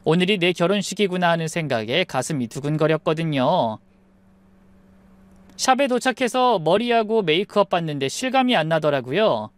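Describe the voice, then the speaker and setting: A young woman softly narrating her own wedding story in a reflective tone. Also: low voice, big pitch swings, normal speed, dry recording. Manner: soft, reflective. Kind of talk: first-person story narration.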